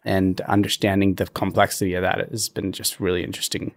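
A young adult man from Ethiopia, a podcast guest talking in an earnest, reflective way with frequent pauses. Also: low voice, flat delivery. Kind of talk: conversational interview.

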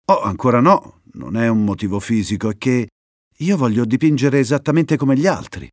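A man's voice: medium pitch, normal speed, darkish tone, no room sound, clean studio sound, natural voice. A man voicing a proud young female viper, an artist who talks in a fussy, exasperated way. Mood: reluctant.

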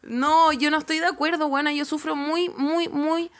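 A Chilean woman in her thirties co-hosting a casual chat, telling stories in an animated, laughing way. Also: high-pitched, normal speed, slight background noise. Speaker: podcast co-host.

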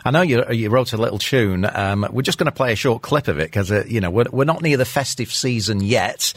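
A man's voice: mid-range voice, animated, fairly quick. A man hosting a casual interview, asking questions in a conversational style. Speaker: radio interviewer, host.

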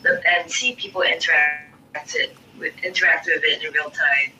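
A man's voice: fairly high pitch, fairly even intonation, moderate pace, pushed and bright, dull audio. A man speaking as an artist being interviewed, talking conversationally about creative work. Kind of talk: interview talk. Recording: distant mic with background noise.

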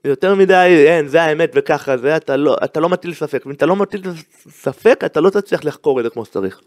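A man's voice: on the high side, dry recording, studio quality. A comedian chatting as a podcast guest, explaining his views earnestly. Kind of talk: casual interview chat. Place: podcast studio.

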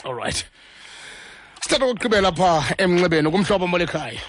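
Fast, high-voiced Xhosa-accented male host. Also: sing-song, no room sound. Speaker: radio host. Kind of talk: hosting a talk radio phone-in.

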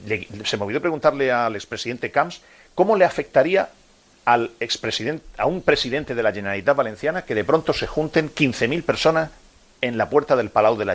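A man's voice: medium pitch, animated, fairly quick, a bit bright. Fired-up radio host guy in his 50s from murcia, preachy, talks right at the listeners, throws out rhetorical questions. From Murcia, Spain. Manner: impassioned, addresses listeners directly, rhetorical questions. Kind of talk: opinion monologue on sports radio.

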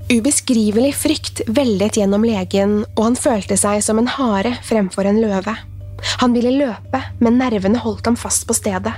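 Breathy woman narrating a horror tale. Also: fairly high pitch, a little mellow, faint music behind.

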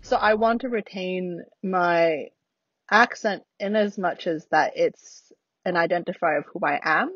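A woman's voice: fairly low pitch, measured pace, a bit bright, husky, no echo, muffled recording. A woman with an American accent influenced by years in Britain, chatting casually and reflectively in thoughtful, hesitant phrases. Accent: American with British influence. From United States.

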